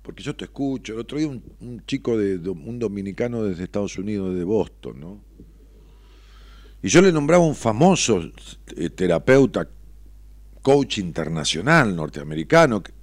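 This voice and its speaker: A middle-aged man with an Argentine accent giving a reflective motivational monologue, expressive and salty, always tossing in tag questions. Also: fairly low pitch, no room sound. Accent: Argentine Spanish.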